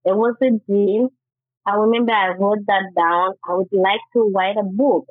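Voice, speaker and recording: Heard over a tinny phone-like line without echo, an earnest woman who speaks Haitian Creole as her first language gives an interview as a guest author. Her medium-pitched, steady voice tells personal testimony haltingly, with restarts.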